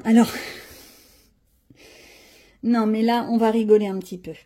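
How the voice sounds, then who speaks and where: In a slightly high voice with a dark tone, a middle-aged woman casually talks through her art supplies. She demonstrates each one while thinking aloud, with candid, slangy asides, in a show-and-tell manner.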